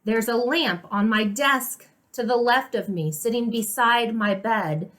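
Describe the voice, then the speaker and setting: A woman's voice: a little high, measured pace, fairly bright tone. A middle-aged woman, an occupational therapist, giving an upbeat video lesson to parents with hands-on demonstrations.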